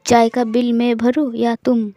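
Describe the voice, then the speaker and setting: A woman's voice: a little high, completely flat delivery, measured pace, mellow, no room sound. A woman voicing a guarded young woman who answers with blunt, dry sarcasm. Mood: sarcastic.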